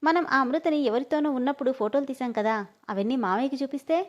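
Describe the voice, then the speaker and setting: A woman's voice: sits high, fast, dull audio, lightly acted. A woman voicing a scheming young woman plotting with her mother, in a storybook reading.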